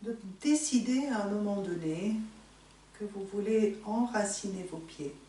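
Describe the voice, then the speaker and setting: Slow, soothing woman yoga teacher, echoey room. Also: medium pitch. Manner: soothing, unhurried, gently encouraging. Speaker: yoga teacher leading a morning class. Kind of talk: slow guided yoga instruction. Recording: echoey room, distant mic, faint noise.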